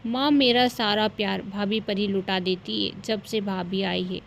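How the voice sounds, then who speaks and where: A woman's voice: medium pitch, fairly even intonation, unhurried, creaky, slight background noise. A woman voicing a jealous young sister-in-law who scolds and complains in a cartoon story. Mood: sulky.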